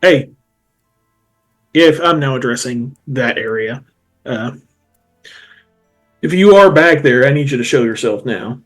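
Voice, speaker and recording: A man's voice: mid-range voice, lively intonation, unhurried, long pauses, soft background music. Man playing a tabletop game. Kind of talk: casual in-game chat.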